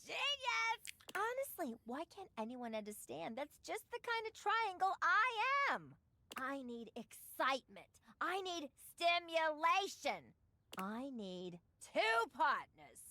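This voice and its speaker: Game role: a sultry, drama-queen triangle, New York accent, high bright tone. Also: sing-song, no room sound, exaggerated voice. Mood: dramatic. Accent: New York area. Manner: theatrical, sultry, drawn-out lines. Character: flirty dramatic female triangle seeking lovers. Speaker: game character. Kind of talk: video game voice acting.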